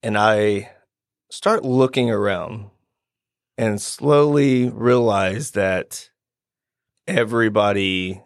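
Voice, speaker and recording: A man, a podcast guest in casual chat, telling a profane, animated story and mimicking people. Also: lowish voice, slow, gravelly, pauses often, no echo, clean studio sound.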